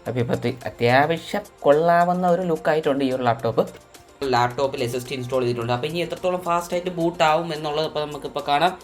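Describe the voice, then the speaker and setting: A man's voice: a little high, rapid-fire. A man narrating a tech tutorial in a casual, chatty, informal way. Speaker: tech vlogger. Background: background music.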